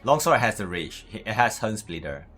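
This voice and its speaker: Low-pitched, bright Malaysian-accented man streaming. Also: big pitch swings, moderate pace. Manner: hesitant, repeats words, often says "man". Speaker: game streamer, host. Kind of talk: casual livestream gaming chat. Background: music.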